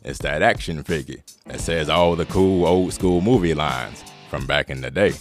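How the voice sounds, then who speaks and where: A man playing a slangy, deadpan everyday guy and uncle in comedy skit banter. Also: a bass voice, normal speed, soft background music.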